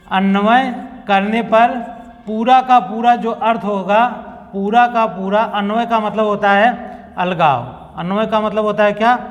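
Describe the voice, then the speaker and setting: A man teaching an exam-prep grammar lesson. He repeats key points, often checks in with his listeners, and reads examples slowly, word by word. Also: high-pitched, big-room sound, muffled recording.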